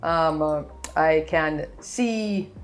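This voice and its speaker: A middle-aged woman, a guest speaking thoughtfully and in a measured way, with fillers. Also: low voice. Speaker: guest, restaurateur and cookbook author. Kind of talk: casual conversational interview.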